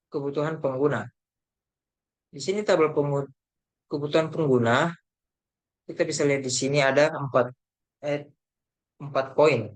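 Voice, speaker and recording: A young man, a university student, presenting a group report by reading his slides aloud, with halting delivery, restarts and fillers. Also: fairly high pitch. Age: young adult. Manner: reads haltingly, with self-corrections and fillers.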